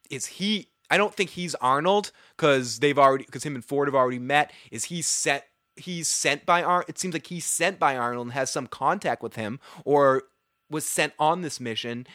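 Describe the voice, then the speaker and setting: A man with a Boston accent talks through a TV episode recap, sniffly from a cold. He rambles and restarts, repeating words as he thinks aloud. His voice sits at a middling pitch and sounds dry and close, with no room in it. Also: a bit bright, dry recording. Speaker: TV episode reviewer. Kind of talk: casual recap chat.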